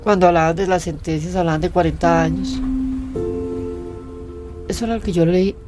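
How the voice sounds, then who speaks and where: A woman in an interview, telling her own story in a lively way and acting out what people said. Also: lowish voice, moderate pace, over music.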